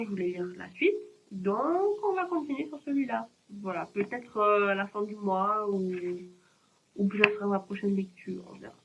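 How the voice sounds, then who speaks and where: Chatty woman talking books at home, kinda muffled lo-fi mic, bit of hiss. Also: medium pitch. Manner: chatty and rambling, many fillers. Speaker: book vlogger. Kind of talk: casual chat. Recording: dull lo-fi sound with faint hiss.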